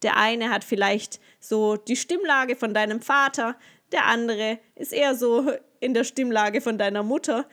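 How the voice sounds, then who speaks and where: A woman, a yoga teacher and coach, calmly guiding listeners through a coaching exercise with many gentle questions and frequent light laughs. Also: a little high, normal speed. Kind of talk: guided coaching exercise, podcast.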